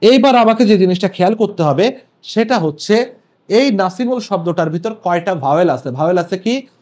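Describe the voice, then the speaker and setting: Higher-voiced male teacher explaining. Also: expressive, moderate pace, darkish tone. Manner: explains step by step, repeats key points. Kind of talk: classroom lecture on poetry meter.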